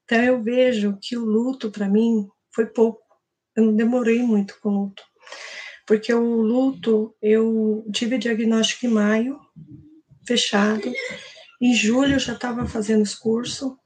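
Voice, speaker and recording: A woman's voice: a little high, fairly even intonation, unhurried, a little mellow. A woman with a Brazilian Portuguese accent, giving an earnest, emotional personal testimony at church. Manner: earnest, emotional storytelling with quoted prayers.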